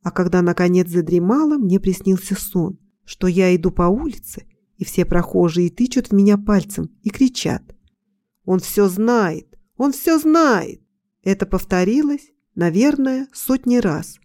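Woman narrator, mellow warm tone, calm intimate story reading. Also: medium pitch, normal speed, no echo, studio quality. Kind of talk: scripted first-person story narration.

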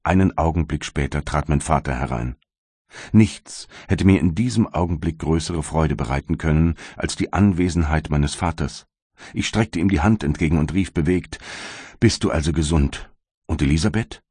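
A man's voice: a bass voice, moderate pace, darkish tone, slightly rough, no room sound, clean studio sound. A man narrating an audiobook in the first person with a solemn, anguished delivery. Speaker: audiobook reader.

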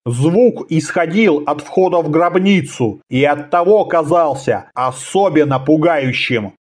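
Male audiobook narrator, high voice, steady scripted narration. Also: a little slow. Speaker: audiobook reader.

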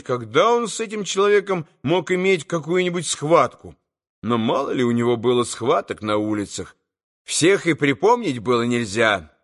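A man reading a classic novel aloud as an audiobook narrator, in a measured way. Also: fairly high pitch. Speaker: audiobook reader.

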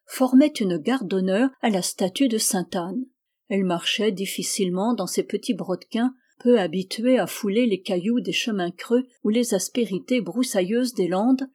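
A woman reading a book aloud as an audiobook narrator, in a measured, even delivery that slows on key phrases. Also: medium pitch. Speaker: audiobook reader. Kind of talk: scripted narration.

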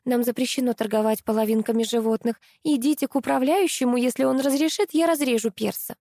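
A woman voicing a scatterbrained young pageant contestant who rattles on quickly. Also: a little high, warm tone, dry recording, studio quality, voice pushed up. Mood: chattering. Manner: rapid chattering.

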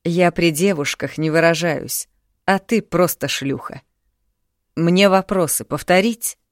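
A harsh, domineering young man who snaps his words out loud and curt, read by a woman narrator. The tone is low for a woman's voice, and the recording is dry and close. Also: unhurried, dry recording, close to an everyday voice. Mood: barely restrained. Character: coarse, angry young man, domineering and contemptuous. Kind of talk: audiobook character reading.

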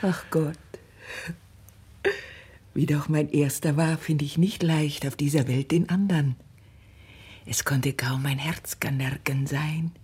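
An actress playing a gossipy, greedy middle-aged widow in a 1950s German radio drama, exclaiming and lamenting. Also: female voice, low voice, steady tone, darkish tone, slightly rough, heavily acted. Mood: bitter. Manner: exclamatory, self-pitying, quick to wail.

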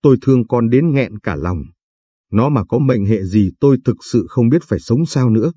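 A man reading a dramatic first-person story in a steady, earnest narration. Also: mid-range voice, moderate pace, husky, dry recording.

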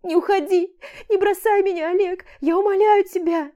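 A woman voicing a hysterical young woman who screams, sobs and pleads in a shrill voice. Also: fairly even intonation, moderate pace, dark tone. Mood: pleading, sobbing. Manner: shrill, pleading, shrieking to a squeal. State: crying.

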